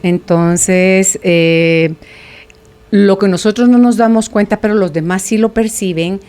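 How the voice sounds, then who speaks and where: A woman's voice: mid-range voice, fairly even intonation, a little slow, darkish tone, smooth. Chatty woman hosting a radio talk show. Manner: chatty, reads listener messages aloud. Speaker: radio podcast host. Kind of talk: casual on-air interview hosting.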